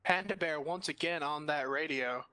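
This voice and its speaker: A man giving excitable, quick play-by-play as a commentator on a team shooter match. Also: a little high, crowd noise. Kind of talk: casual esports commentary.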